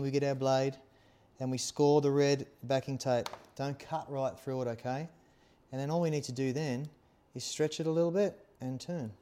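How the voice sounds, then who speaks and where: Sitting at his workbench in a small indoor workshop studio, an instructor who makes helmet accessories walks through a practical demo. He's from Australia, with a mellow, mid-range voice, and keeps things informal and reassuring, frequently asking short questions like "okay?" or "all right?"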